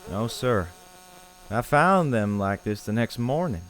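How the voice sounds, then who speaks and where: Over poor audio with insect-like ambient noise in the background, a man plays a plain-spoken, troubled farmer in a horror audio drama. His mid-range voice is sing-song, fairly bright and measured, and his hesitant, folksy, understated delivery feels grim and resigned.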